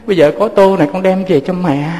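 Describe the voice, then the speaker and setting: A man's voice: high voice, fast talker, warm tone, long reverb tail, a little hiss or hum, close to an everyday voice. A man voicing a poor young street boy who cries and pleads. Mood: tearful. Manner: crying, pleading.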